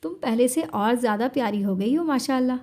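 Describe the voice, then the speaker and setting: A woman's voice: a little high, darkish tone, natural voice. A woman voicing a possessive young husband in an audiobook, swinging between teasing and pleading.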